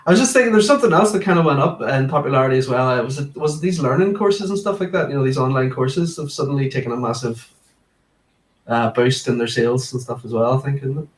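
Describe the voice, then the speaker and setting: A man joins a relaxed video-call chat, talking practically and getting a bit nerdy about his equipment. His voice sounds roomy and set back from the mic. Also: mid-range voice, fast talker. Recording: roomy and distant.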